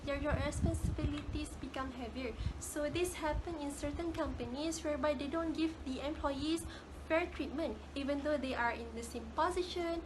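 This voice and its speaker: Speaking at a normal pace with hardly any pauses, this student presenter has a high voice and a Malaysian English accent, set against a noisy background. She's a young adult giving a casual class talk, frequently repeating words as she hunts for phrasing.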